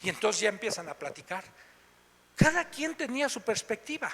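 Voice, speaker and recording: High-voiced preacher telling a story. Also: male voice, a little fast, in a large hall. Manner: animated storytelling, frequent rhetorical questions. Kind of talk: sermon with storytelling. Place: church meeting room.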